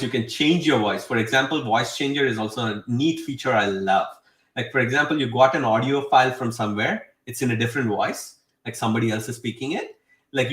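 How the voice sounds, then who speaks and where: A man's voice: mid-range voice, fairly bright tone, recorded from a distance. Rambling man in an echoey room. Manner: rambling, filler-heavy, enthusiastic. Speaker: host demonstrating software. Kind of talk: casual screen-share tutorial. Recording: roomy sound, away from mic.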